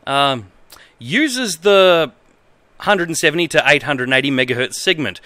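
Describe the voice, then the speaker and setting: On a casual livestream, an Australian man in his thirties reads text aloud haltingly for laughs, amused and emphatic, from his indoor desk. His voice runs high and sharp, animated, at a normal speed, with no room sound.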